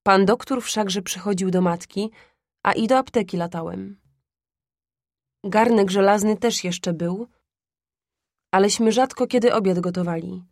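Audiobook narration, calm woman, dry close-miked sound. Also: medium pitch, measured pace, pauses often, dry recording. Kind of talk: scripted literary narration.

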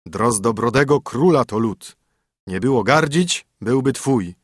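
A poor wandering minstrel from a fairy tale, sly and teasing in his chant, as a man plays him. The voice is husky and lively in pitch, recorded close and dry. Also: unhurried, dry recording.

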